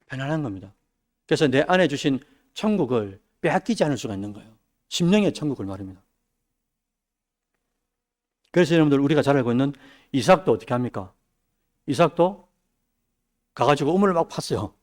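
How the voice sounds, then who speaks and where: A man preaching a midweek sermon, dropping his voice low and then rising loud. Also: very animated, quick pace. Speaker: pastor. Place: church sanctuary.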